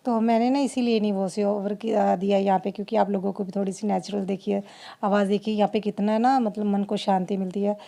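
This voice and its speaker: A woman's voice: mid-range voice, flat delivery, fairly quick, vocal fry, dark tone, a little hiss or hum. A woman, chatting through a family vlog in a rambling, heartfelt way. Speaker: family vlogger. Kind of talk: casual vlog narration.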